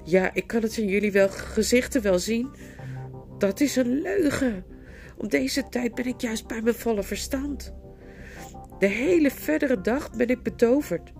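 A woman voicing an enchanted young male knight who begs and pleads, breaking into frantic shouts. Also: a little high, unhurried, soft background music, pitched above the performer's own voice. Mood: pleading.

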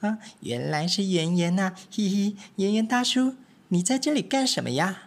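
A man's voice: sits high, lively intonation, normal speed, pitched above the performer's own voice. A man voicing three small, eager little mice in a children's storybook reading, with chirpy, cheerful questions.

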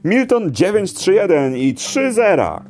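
A man voicing a brash, cheerful male late-night radio DJ with booming, preachy, folksy patter. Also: huge pitch swings, unhurried, darkish tone, faint music behind, full character voice. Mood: jovial.

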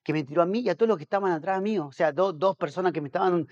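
Male pastor guest, rapid animated storyteller with a slightly high voice, lots of restarts, muffled podcast audio. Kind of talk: casual storytelling interview.

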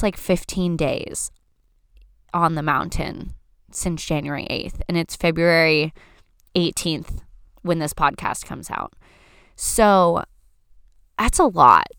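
Chatty podcast host woman, smooth voice. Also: on the low side, fairly bright tone, dry recording, studio quality. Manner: chatty, fills talk with "like". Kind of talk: casual solo podcast chat.

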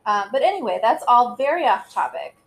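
A woman's voice: a little high, very animated, fairly quick, slight background noise, rough recording. A woman in her thirties co-hosting a podcast in casual chat, rambling with lots of fillers and giggles. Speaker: podcast co-host.

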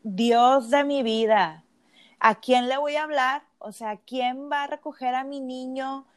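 A woman's voice: high-pitched, fairly even intonation, a little slow, smooth. A woman co-hosting a podcast, telling a personal story in casual chat with plenty of fillers. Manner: chatty storytelling with many fillers. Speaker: podcast co-host. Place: lives in California.

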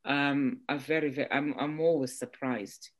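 A woman from Zimbabwe, an entrepreneur guest in an interview, who talks haltingly with many restarts and "um"s. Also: rumbling low, fairly even intonation. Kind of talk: casual interview chat.

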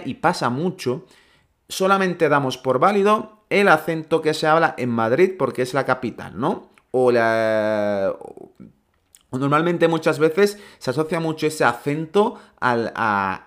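A man's voice: medium pitch, fairly bright tone. Man from teaching casually. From Ceuta. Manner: conversational, many fillers and restarts, asks "¿no?". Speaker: Darija teacher. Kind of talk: casual explanatory lesson.

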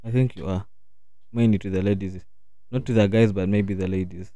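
A man's voice: deep voice, steady tone, brisk, mellow, dry recording. A young man hosting a casual chat, talking in slangy urban street style with plenty of "man" and "like". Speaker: talk show host.

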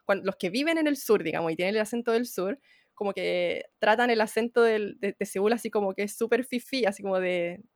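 A woman's voice: medium pitch, fairly quick, no room sound, clean studio sound. A woman with a Chilean Spanish accent talking animatedly and slangily in a casual group chat.

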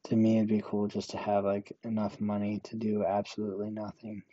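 A young man hosting a solo podcast, thinking aloud slowly in a monotone way. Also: lowish voice, no echo, lo-fi sound. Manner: slow, monotone, musing. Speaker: podcast host.

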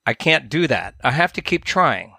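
A man's voice: medium pitch, sing-song, moderate pace, creaky, sharp tone, no echo, clean studio sound, exaggerated voice. A man voicing a frantic, stubborn fly who answers curtly and sarcastically in a storybook reading. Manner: curt, sarcastic.

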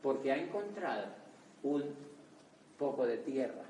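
A man with a Colombian accent, giving an animated motivational training talk as a network marketing trainer, telling stories with emphatic repetition. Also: medium pitch, measured pace, roomy sound, far from the mic, slight background noise, poor audio. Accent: Colombian Spanish. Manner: animated, emphatic storyteller with repeated words.

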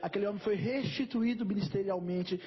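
A man's voice: high voice, a little fast, muffled recording. A man preaching a sermon as pastor, telling a story and acting out its dialogue.

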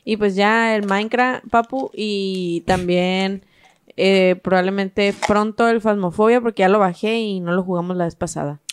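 A woman's voice: medium pitch, fairly even intonation, normal speed, clean tone. A Mexican woman co-hosting a comedy podcast, telling a story in casual chat and laughing often. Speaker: podcast co-host.

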